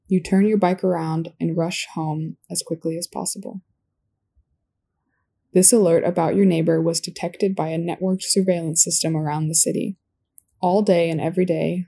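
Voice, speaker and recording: A woman reading a scripted second-person story in a calm, even storytelling manner. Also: lowish voice, breathy edge. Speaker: narrator.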